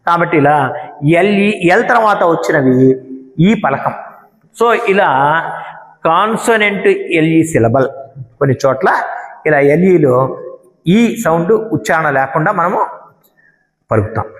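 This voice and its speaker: A middle-aged man with a Telugu accent, giving a classroom lecture and stretching out example words slowly as he explains. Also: on the high side, animated. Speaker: English teacher. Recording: echoey room with long reverb.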